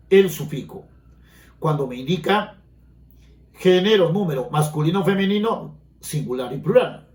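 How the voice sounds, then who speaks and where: A man's voice: high voice, darkish tone, roomy sound. A man teaching a grammar lesson for an entrance exam, explaining step by step and often checking in with his students. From Peru. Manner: explanatory, asks students frequent check questions.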